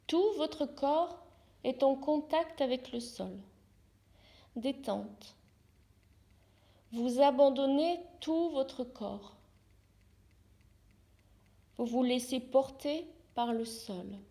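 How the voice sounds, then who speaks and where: A higher-pitched woman speaks slowly as a yoga therapist guiding a yoga nidra meditation. She stays calm and unhurried, giving short, soothing instructions with pauses between them.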